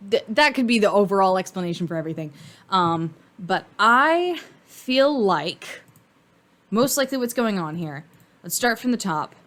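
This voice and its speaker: Casually rambling woman, thinking out loud. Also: medium pitch. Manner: informal, mildly sweary, thinking out loud. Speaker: fan commentator. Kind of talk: casual rambling commentary on cartoon costume design.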